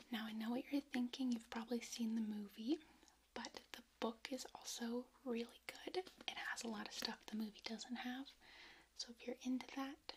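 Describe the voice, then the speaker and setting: A woman speaking in a hushed library whisper, doing a whispered role-play as a friendly, chatty librarian. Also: on the high side. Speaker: ASMR performer playing a librarian. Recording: clear background noise, handling clicks.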